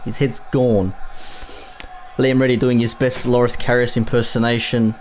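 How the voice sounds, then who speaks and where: A man's voice: medium pitch, little pitch movement, moderate pace, a little mellow, a little hiss or hum. A man hosting a live stream, reacting to a football match with exasperated outbursts and rambling talk.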